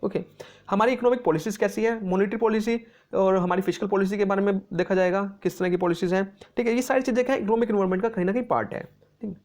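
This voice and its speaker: A man teaching an exam-prep lesson, mixing English terms into his explanations, often checking in with "okay" and reading English definitions out slowly. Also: sits high, fairly even intonation, a little mellow. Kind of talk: explanatory lecture.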